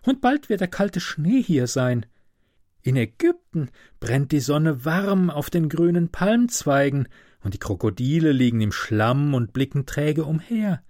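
A man voicing a soft-hearted little swallow. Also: lively intonation, measured pace, no echo, studio quality. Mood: pleading. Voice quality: high, pleading storybook voice. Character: tender-hearted little swallow, female, loyal.

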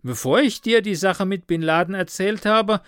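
A male narrator voices a brash young friend for a read-aloud story, pitching him higher than his own voice, loud and bantering. The friend swings from joking to worrying, and the mood is worried. The recording is close, dry and clean, at normal speed with no echo.

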